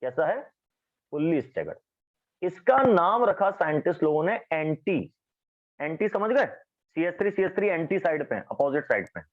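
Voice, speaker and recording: A male chemistry teacher lectures in a classroom with a voice that swings up and down and sits slightly high. He keeps asking his students questions as he explains. The recording is thin and phone-like. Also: normal speed. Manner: lively, questions students often.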